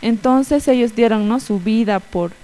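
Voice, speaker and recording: A young woman, teaching children and telling a story in a halting way, with many fillers and tag questions. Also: on the high side, mellow, long reverb tail, rough recording. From Bolivia. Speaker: children's Sunday school teacher.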